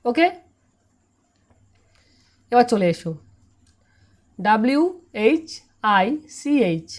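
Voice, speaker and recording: A woman's voice: a little high, sing-song. Bengali-accented woman teaching English sounds. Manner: drills syllables slowly and repeats them. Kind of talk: online lesson explaining pronunciation.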